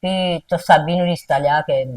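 A woman playing an elderly grandmother who pleads softly with her daughter-in-law in a drama, heard from some distance. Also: low-pitched, fairly even intonation, fairly quick, lightly acted. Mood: pleading. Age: older. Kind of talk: amateur drama acting.

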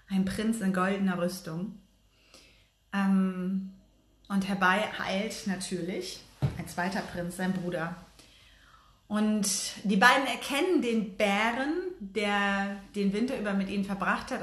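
A woman casually retelling a fairy tale, often pausing with fillers and correcting herself as she goes. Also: mid-range voice, fairly bright tone. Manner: hesitant, many fillers and self-corrections. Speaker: storyteller. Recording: roomy echo.

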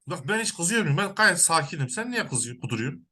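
Husky man leading a spiritual session. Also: a little high, sing-song, a little fast, pushed and bright. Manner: commanding, repetitive, chanting prayers. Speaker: spiritual counselor.

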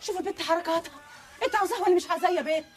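A woman's voice: very high-pitched, rapid-fire, faint music behind. An actress with an Egyptian accent playing a weary older working-class mother who scolds and complains. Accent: Egyptian Arabic.

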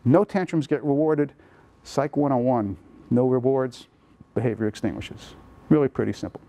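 A man, a pediatrician, giving a lively lecture on parenting to an audience in a lecture room, acting out children's thoughts as he goes. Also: mid-range voice, normal speed, background noise. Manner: lively, animated, acts out kids' thoughts.

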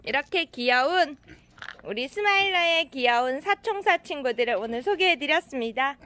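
A woman with a high, bright voice narrates a casual vlog as an animal cafe owner. She calls her cats in a sing-song, coaxing way. She is recorded outdoors in a yard. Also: animated, normal speed.

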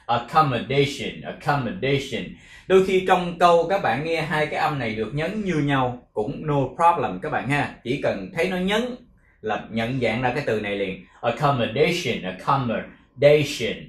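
A man's voice: mid-range voice, animated, moderate pace. Vietnamese man drilling pronunciation, echoey room. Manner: drills words over and over, breaks them into sounds. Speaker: English pronunciation teacher. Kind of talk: casual teaching, repeating words slowly.

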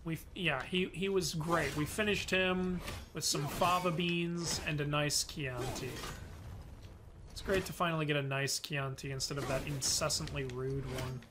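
A man's voice: on the high side, fairly even intonation, measured pace, background noise. A young man hosting a game stream, chatting and joking casually with laughs. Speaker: streamer host. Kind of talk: casual let's-play chat.

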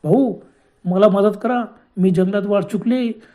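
A man's voice: high-pitched, unhurried, dark tone. A man doing a pleading female ghost. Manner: whining, begging, repeating her pleas. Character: pleading female forest ghost, lost and crying.

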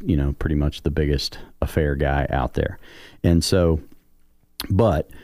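A man's voice: extremely low pitch, dark tone, no echo, studio quality. A middle-aged man co-hosting a radio talk show, telling his own story in an earnest, confessional way with some self-deprecating humor. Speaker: co-host sharing his story. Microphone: studio microphone.

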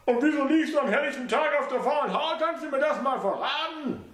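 A shrill, domineering old woman of ninety-one, as a male author puts her on, barking orders and nagging. Her voice sits far above a man's natural range. It rings out in a roomy, echoing space. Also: fairly quick, a bit bright. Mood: scolding. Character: domineering 91-year-old mother, shrill and scolding. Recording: roomy echo.

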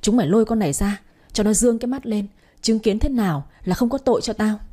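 A cruel, scheming woman villain from a radio story, as a woman storyteller puts her on. She speaks with open contempt and insults, in a soft, warm, husky voice. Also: mid-range voice, fast talker, close to an everyday voice. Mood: venomous.

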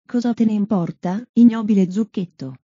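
A woman's voice: mid-range voice, normal speed, mellow, slightly rough, no echo, natural voice. A woman voicing a defiant male demon who possesses a child, giving insolent, mocking retorts, on a dull, dry, lo-fi recording.

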